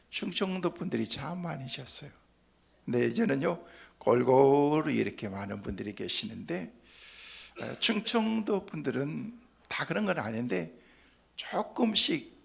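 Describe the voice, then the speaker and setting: Gravelly middle-aged man preaching a sermon. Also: medium pitch. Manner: folksy storytelling with jokes, dropping to hushed tones. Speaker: senior pastor.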